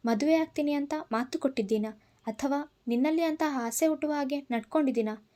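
A woman's voice: sits high, fairly quick, close to an everyday voice. A woman reading as a furious young man. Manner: shouting, commanding. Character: furious young man confronting his obsessive cousin.

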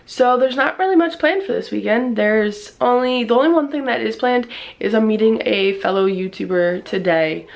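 A woman's voice: on the high side, normal speed, vocal fry, rough recording. A young woman talking casually to the camera as a vlogger, rambling and chatty with frequent fillers. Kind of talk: casual vlog chat.

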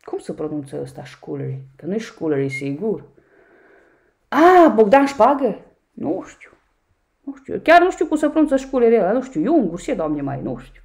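A woman's voice: mid-range voice, big pitch swings, gravelly, darkish tone. A woman from Romania commenting on clips in a sarcastic, mocking way, speaking to her viewers as a vlogger. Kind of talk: reaction commentary.

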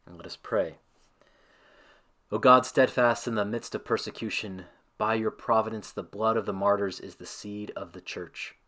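A man narrating a scripted church devotion and closing with a prayer. His voice sits fairly low but has a bright, sharp edge. He reads in a measured, reverent manner.

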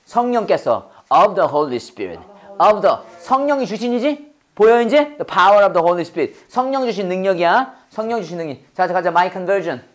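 Speaking with a high voice at a measured pace, a man runs a Bible English lesson full of call-and-repeat drills and questions for students, keeping it lively and chatty with lots of laughter.

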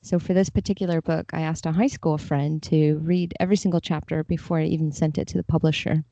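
A woman with a low, dark voice speaks quickly and steadily, reflecting thoughtfully as a podcast guest. She is a literary translator being interviewed, and the recording is dry, slightly dull and lo-fi.

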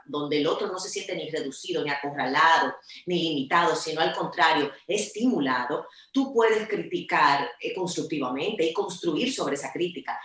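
A woman hosting a talk show, warmly affirming her guest and steering the conversation. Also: on the low side. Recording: far-off, very echoey room.

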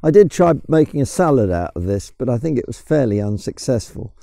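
An older Englishman with an English accent, a mushroom forager guide, walks through woodland casually explaining wild plants and mushrooms, sometimes hesitating and restarting. His medium-pitched voice is very animated, brisk, gravelly and warm, captured in a dry, studio-quality recording.

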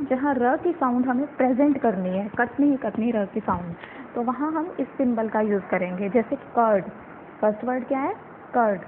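A woman teaching a phonetics lesson, explaining step by step and asking and answering her own questions. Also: sits high. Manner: mixes English words into her talk. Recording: tinny phone-quality audio with faint noise.

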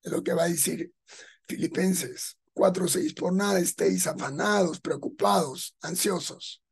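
Slow, husky-voiced male preacher. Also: high-pitched. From Peru. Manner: measured, explanatory preaching with rhetorical asides. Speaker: pastor. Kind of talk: sermon.

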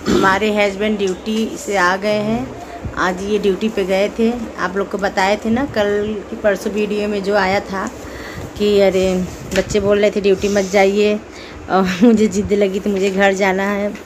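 A woman's voice: medium pitch, little pitch movement, measured pace, noisy background. Chatty woman vlogging at home. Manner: chatty, addresses viewers directly, laughs often. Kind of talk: casual family vlog narration. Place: home, indoors.

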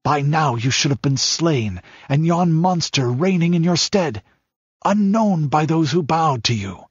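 A fierce barbarian warrior, as a man puts him on speaks high and strained, pressing hard and urgently. The voice is husky and unhurried, on a dull lo-fi recording with a dry sound. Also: animated, no room sound. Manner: urgent, forceful pleading.

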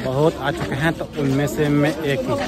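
Young male vlogger, casual, chatty, high-ish voice, outdoor crowd noise. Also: flat delivery, normal speed. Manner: chatty, addresses viewers as brother. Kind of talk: casual vlog narration at a rally. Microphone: phone held at arm's length. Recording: loud crowd behind.

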